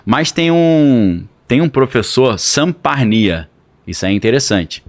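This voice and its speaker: A man's voice: medium pitch, slow. Brazilian man, podcast guest, explains in an easygoing, conversational way. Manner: relaxed, explains with slang and analogies.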